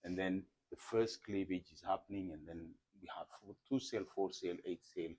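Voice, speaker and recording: Interviewed about embryo research, a middle-aged professor from Ethiopia answers in a low, darkish, slightly rough voice. He proceeds carefully, stumbling into repeated words and frequent fillers.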